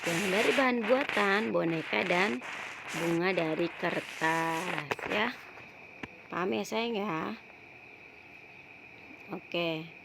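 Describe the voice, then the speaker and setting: Gravelly-voiced woman teacher giving a lesson. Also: on the low side, slow, pauses often, very noisy. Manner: calls pupils "sayang", frequent "ya" tags, repeats words. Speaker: primary school teacher. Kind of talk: recorded online lesson for children.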